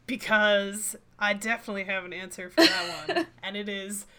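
A woman's voice: medium pitch, fairly even intonation, normal speed, pushed and bright. A woman hosting a motorsport podcast, chatting breezily and emphatically and reading out listener questions. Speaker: podcast host. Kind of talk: casual podcast chat.

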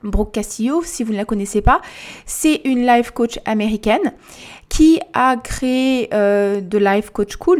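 A young woman talks through her solo podcast in a casual, explanatory way. She repeats words and fills pauses as she goes. Her voice sits a little high. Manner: chatty, explanatory, with fillers and repetitions. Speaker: podcast host and life coach.

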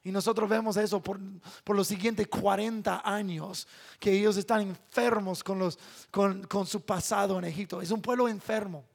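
A male preacher delivering a sermon, building to sudden loud, shouted climaxes. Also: high voice, fairly even intonation, normal speed, gravelly.

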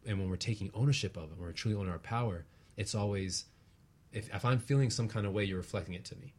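A relationship practitioner and teacher appears as a guest, talking in a fairly deep, husky male voice. He earnestly unpacks spiritual ideas in a conversational, explanatory manner, regularly ending thoughts with a short "right?" to confirm he's being followed.

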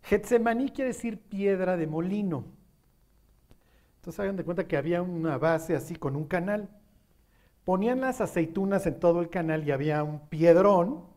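A man with a Mexican accent preaches conversationally, regularly asking his listeners questions to confirm they're following. He has a high, darkish voice.

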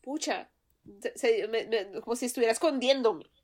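This podcast co-host is a woman from Colombia whose voice sits on the high side, with a darkish tone and a normal pace. Speaking with a Colombian accent in relaxed conversation, she laughs a lot and frequently starts her sentences over.

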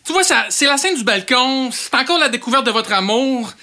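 A woman's voice: high-pitched, normal speed. A woman playing a fussy male theatre director. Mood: exasperated. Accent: Quebec French. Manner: animated, exasperated correcting.

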